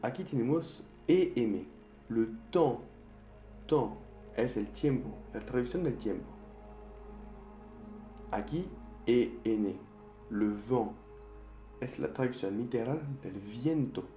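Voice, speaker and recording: A young man, a French speaker with a French accent, teaching a pronunciation lesson and sounding out each sound slowly and carefully. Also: mid-range voice, expressive, dark tone. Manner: slow, careful demonstration of sounds. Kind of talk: language lesson. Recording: echoey room with faint music.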